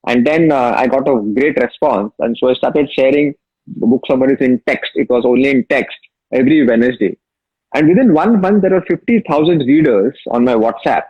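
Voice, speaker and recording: Speaking a little fast with a breathy edge, this mid-range male voice belongs to an app founder from Maharashtra appearing as an interview guest. He tells his story emphatically in Marathi-accented Indian English, repeating key phrases in casual talk; the audio is dull and lo-fi with no room sound.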